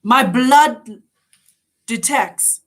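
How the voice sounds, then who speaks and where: A woman's voice: fairly high pitch, animated, extremely slow, fairly bright tone. A woman hosting, giving an impassioned spiritual address full of rhetorical questions and urgent appeals to her listeners. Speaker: host.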